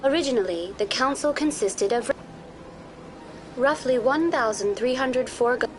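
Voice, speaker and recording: Game figure: a smooth, too-perfect android tour guide, evenly polite and formal, pitched a touch high. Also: female voice, unhurried, a little hiss or hum. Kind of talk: video game voice acting. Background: music.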